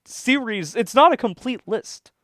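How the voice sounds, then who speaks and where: A man co-hosting a casual podcast, talking politics in an animated way and acting out quoted voices. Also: very high voice, unhurried, no echo, studio quality. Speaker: podcast co-host.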